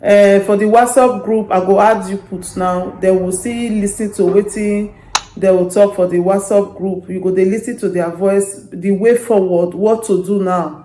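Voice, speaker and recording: A woman with a Nigerian accent speaking Pidgin as a host, giving casual, animated advice to her audience. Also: medium pitch, moderate pace. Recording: echoey, roomy sound.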